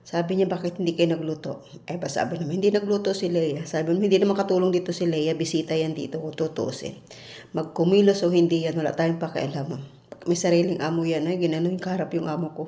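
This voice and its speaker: A woman's voice: fairly low pitch, fast. A woman from the Philippines, a domestic worker abroad, telling a story bluntly in a casual vlog and acting out the arguments she quotes. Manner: blunt, animated retelling with quoted exchanges. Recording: echoey room.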